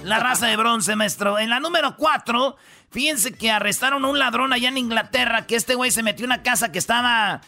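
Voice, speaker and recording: A man's voice: very high-pitched, a little fast, pushed and bright, faint music behind. A man hosting a comedic radio countdown, full of slang and punchlines. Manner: joking, slangy, punchline-driven. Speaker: radio show host.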